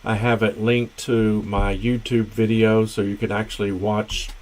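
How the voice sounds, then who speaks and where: A man's voice: on the low side, level tone, measured pace, darkish tone. A man hosting his own channel's livestream, talking in a casual, meandering, unscripted way. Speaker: channel host.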